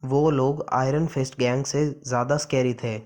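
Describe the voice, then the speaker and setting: A man's voice: mid-range voice, steady tone, normal speed, a little mellow, lightly acted. A man voicing a tough male gang boss in a comic recap, with a menacing, teasing delivery close to his own voice.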